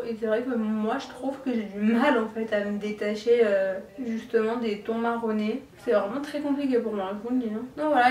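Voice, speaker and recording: A young woman talks through her makeup routine in a loose, chatty way, full of little fillers and self-deprecating asides. Her voice sits a bit high and reaches the mic from a short distance, in a room with a noticeable echo. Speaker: beauty vlogger. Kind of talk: makeup tutorial chat.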